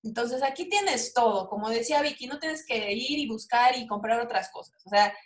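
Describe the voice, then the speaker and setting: A woman with a Mexican accent who coaches online marketing gives a persuasive, energetic sales talk. She keeps checking in with her listener as she goes. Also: fairly high pitch, normal speed, roomy sound. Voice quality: energetic, rhetorical, frequent "o sea" and "¿sale?" check-ins.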